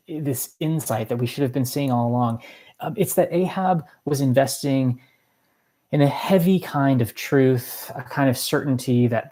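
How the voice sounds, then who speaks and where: A mid-pitched voice of a literature teacher delivering an informal lecture. The speaker rambles in a reflective, professorial way, thinking through each point aloud. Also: mellow.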